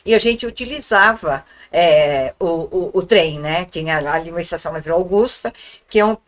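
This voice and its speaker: A woman's voice: fairly low pitch, expressive, moderate pace. A woman, telling childhood memories as a guest in a small podcast studio, speaking reflectively into a desk microphone. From Guarulhos, Brazil. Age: 70s. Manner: warm, reflective storytelling with gestures. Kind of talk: reminiscing interview talk.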